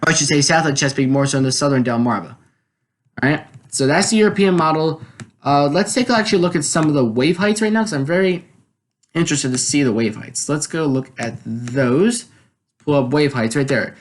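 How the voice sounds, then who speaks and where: American male weather streamer, fairly high-pitched, explanatory live commentary with frequent check-in phrases. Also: brisk. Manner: explanatory, often repeats check words like "all right". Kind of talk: live hurricane commentary over maps and radar. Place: indoors at a computer, screen-share voice-over.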